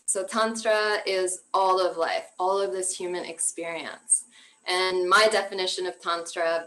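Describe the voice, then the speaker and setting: A young woman from Canada speaking at home, giving a gentle, flowing online workshop talk on tantra with soft laughs and fillers. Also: lowish voice, poor audio.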